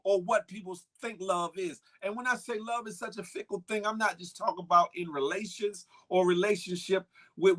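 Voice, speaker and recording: A man with a high voice hosts a casual live-stream talk show. He animatedly shouts out viewers' names and chats loosely, leaning on repeated catchphrases.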